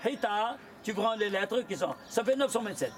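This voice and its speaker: A rabbi teaching a lively Torah lesson, quizzing his students with quick rhetorical questions and mixing in Hebrew terms. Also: high voice, slight background noise.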